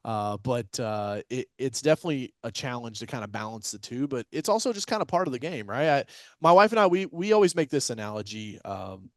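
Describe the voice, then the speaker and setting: A man's voice: medium pitch, very animated, brisk, dry recording. A male podcast host who talks in a loose, rambling, conversational way. His voice sits in a middle register and is recorded close and dry, with no room sound around it. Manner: chatty, loose, many fillers and restarts. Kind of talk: casual interview chat.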